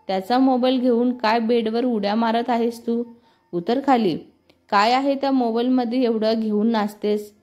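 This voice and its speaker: A woman's voice: on the high side, steady tone, normal speed, darkish tone, natural voice. A woman voicing a middle-aged mother who scolds her grown children. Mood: scolding.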